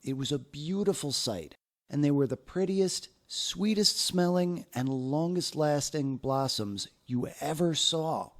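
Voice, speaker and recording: Reading a children's picture book aloud, a man with a fairly high-pitched voice delivers the story in an expressive, deliberate way.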